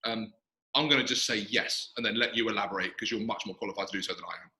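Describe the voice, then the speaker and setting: A man's voice: lowish voice, pushed and bright. A man hosting a podcast in casual chat, talking from his gym with a big hall echo around his voice. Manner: quick, chatty, self-mocking. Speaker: podcast host. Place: echoey gym, sitting in a squat rack. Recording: echoey gym room.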